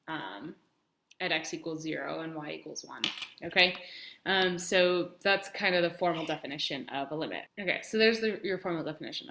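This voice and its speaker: A woman's voice: on the low side, fairly bright tone. A young woman teaching a casual math lesson, chatty and full of ums, with the hiccups. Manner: chatty, many ums, talks to herself while writing. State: has the hiccups. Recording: echoey room.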